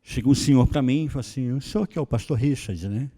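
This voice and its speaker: A man's voice: mid-range voice, fast. A middle-aged Brazilian man with a Brazilian Portuguese accent, preaching a sermon and telling a personal story, acting out the dialogue in different voices. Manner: animated, acts out dialogue in voices. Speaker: pastor. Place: church hall. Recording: reverberant church hall.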